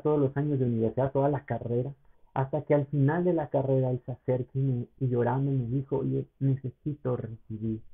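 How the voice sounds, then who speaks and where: A pastor preaching in an earnest, personal way, often speaking straight to the listener. His voice is husky and full of gravel. The recording sounds thin and tinny, as if it came through a phone. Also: medium pitch. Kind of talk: sermon podcast talk.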